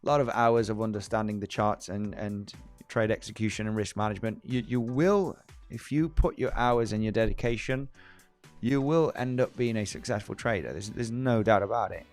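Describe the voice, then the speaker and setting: Male livestream host, deepish clean voice, rambly, soft music behind. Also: normal speed. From Spain. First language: Spanish. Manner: rambling, frequent restarts, reads viewer comments aloud. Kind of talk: casual livestream chat.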